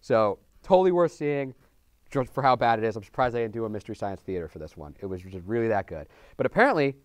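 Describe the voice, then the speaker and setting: A man co-hosting a film review show, joking and talking to the viewers in an animated, casual way. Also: lowish voice, fast, no echo. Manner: animated, jokey, talks to viewers as folks. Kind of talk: casual movie review chat.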